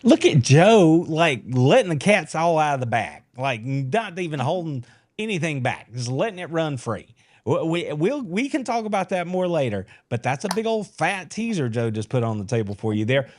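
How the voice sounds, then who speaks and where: A man hosts a live sports podcast. His talk is folksy and full of teasing banter. His voice sits a bit high and swings widely in pitch. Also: big pitch swings, moderate pace, a little mellow. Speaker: podcast host. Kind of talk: casual live-stream sports chat.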